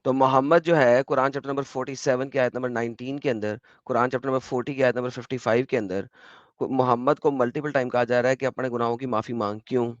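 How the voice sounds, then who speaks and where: A man hosting a heated debate, pressing his points in rapid bursts and citing verses by number. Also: medium pitch, steady tone, dry recording. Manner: pressing, rapid-fire arguing, quoting chapter and verse. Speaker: debate host. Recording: dull, dry lo-fi audio.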